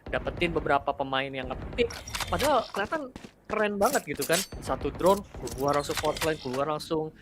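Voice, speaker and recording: A man's voice: on the high side, expressive, brisk, noisy background. A man with an Indonesian accent giving live game commentary and analysis in colloquial, slangy speech. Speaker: esports caster. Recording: game sounds behind the voice.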